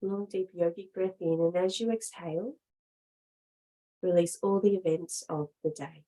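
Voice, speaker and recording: Short, measured phrases and long pauses mark this guided relaxation led by a woman yoga teacher. Her fairly low voice is steady and warm, though the recording is low quality.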